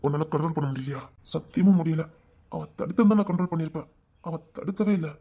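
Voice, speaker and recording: A man playing a high-voiced, hot-tempered young villager. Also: quick pace, mellow, breathy edge, muffled recording. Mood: ashamed, frantic. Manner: agitated, self-reproaching outbursts. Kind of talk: village drama acting.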